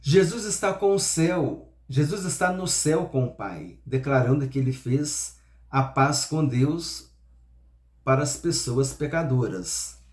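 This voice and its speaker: A man's voice: fairly high pitch, animated, measured pace, darkish tone. A man with a Brazilian Portuguese accent teaching a Sunday school Bible lesson, explaining step by step and often restarting and repeating words. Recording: echoey room.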